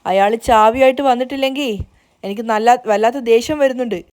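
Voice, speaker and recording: Woman voicing a sharp, sarcastic young woman, high-pitched. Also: fast, smooth, natural voice. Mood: indignant. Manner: indignant, sarcastic. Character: angry young woman, sharp-tongued niece.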